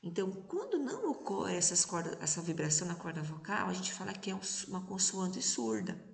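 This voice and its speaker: A Brazilian woman teaching young children in a remote lesson, speaking slowly and patiently and stretching out syllables. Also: lowish voice, big pitch swings, creaky. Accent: Brazilian Portuguese. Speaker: primary school teacher. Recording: echoey, reverberant room.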